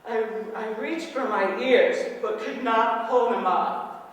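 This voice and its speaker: Man reading earnest essay, high voice, big echoey hall. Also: slow pace, a bit bright, recorded from a distance. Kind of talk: reading a personal essay aloud.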